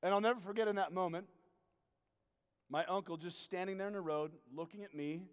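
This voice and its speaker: A man preaching a sermon, telling a story with animated energy and then asking quiet, earnest questions. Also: high-pitched, fairly quick, smooth. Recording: long hall reverb.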